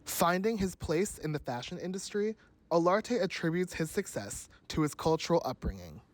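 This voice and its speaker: A man's voice: fairly high pitch, big pitch swings, normal speed. A man narrating a short feature as a reporter, reading a script in an upbeat, promotional tone.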